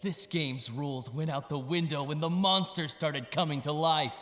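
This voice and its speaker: An actor gives a lightly acted turn as a gloating, arrogant young male card-game villain in an anime-style audio drama, taunting theatrically and swinging from sly murmurs to shouts. His fairly high voice moves at normal speed, smug and scheming.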